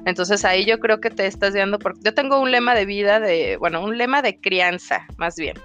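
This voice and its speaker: A woman's voice: mid-range voice, expressive, moderate pace, fairly bright tone, muffled recording, faint music behind. A woman with a Mexican accent talking in a frank, slangy way about raising her daughters. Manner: frank and slangy, acts out dialogues with her kids. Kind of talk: casual chat.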